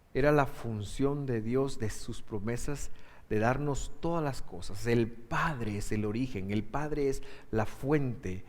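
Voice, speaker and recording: A male pastor preaching a sermon emphatically, with sudden surges in pitch and loudness. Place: church. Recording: echoey hall reverb.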